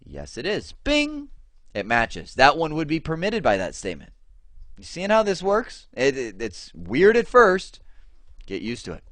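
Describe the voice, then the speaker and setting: A man teaching networking over slides in a chatty, lively way, often asking the viewer questions. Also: fairly high pitch, normal speed, no echo. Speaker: networking instructor.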